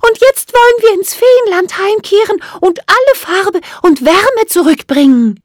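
A small, brave fairy girl from a children's storybook speaks in a very high, bright voice, as a woman acts her out. She sounds plucky and urgent. The sound is close and dry. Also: expressive, measured pace, no room sound. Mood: defiant. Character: brave young girl fairy, defiant despite fear.

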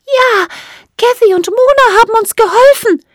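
A woman voicing a brave young girl fairy who stands up to a villain despite her fear, speaking high and urgent. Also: moderate pace, no echo, clean studio sound. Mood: defiant.

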